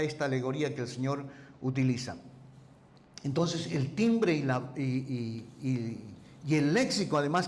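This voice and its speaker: A man's voice: fairly high pitch, echoey room, a little hiss or hum. A male pastor preaching a sermon in a conversational way, often asking his listeners to confirm with rhetorical questions. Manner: voice teacher, careful about vocal timbre. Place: church hall.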